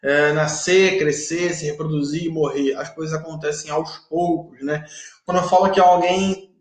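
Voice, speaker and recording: A man's voice: a little high, fairly even intonation, normal speed, reverberant. A male teacher giving a recorded online class in a chatty way, often ending phrases with rhetorical tags.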